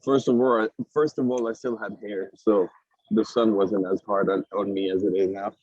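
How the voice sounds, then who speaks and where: Low-voiced Swiss man, halting and thoughtful. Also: steady tone, a little mellow, breathy edge, dry recording, lo-fi sound. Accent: Swiss French. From Switzerland. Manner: thoughtful, repeats words as he searches for them. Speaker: guest, cigar company founder. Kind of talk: casual podcast interview.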